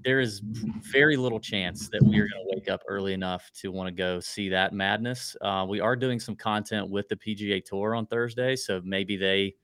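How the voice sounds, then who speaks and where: A man's voice: lowish voice, fairly even intonation, normal speed, a bit bright, no echo. A man hosting a show in a casual, chatty style. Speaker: show host. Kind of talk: casual sports-betting chat.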